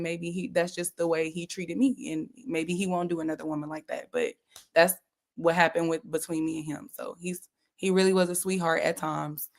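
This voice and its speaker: A woman, talking candidly as an interview guest and laughing often. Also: lowish voice. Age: 30s. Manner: giggly, candid. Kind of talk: casual interview.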